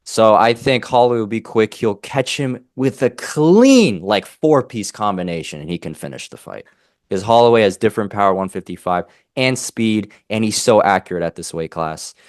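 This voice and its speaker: A young man co-hosting a casual fight-analysis podcast, opinionated and animated, often breaking off mid-sentence. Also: fairly low pitch, normal speed, no echo, studio quality. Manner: animated, opinionated, self-interrupting. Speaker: MMA podcast co-host.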